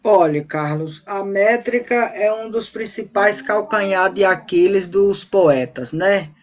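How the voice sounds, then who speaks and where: A man's voice: sits high, takes it slowly. A poet being interviewed on radio, explaining his craft patiently like a teacher. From Bahia, Brazil. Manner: patient, teacherly, counts out examples. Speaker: cordel poet, interview guest. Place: radio studio.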